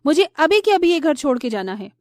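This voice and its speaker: A woman voicing a scheming, spoiled young sister-in-law in a cartoon story, shrill and theatrical. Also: very animated, a little fast, darkish tone, no echo, studio quality. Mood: shrill outrage.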